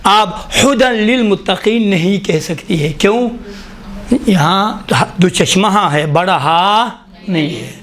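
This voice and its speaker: A man with a fairly high voice teaches pronunciation to a class. He explains patiently and keeps asking his students questions. At times he moves off the mic as he writes. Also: fairly bright tone. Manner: patient, questioning, often says "look". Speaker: tajweed teacher. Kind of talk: classroom lesson.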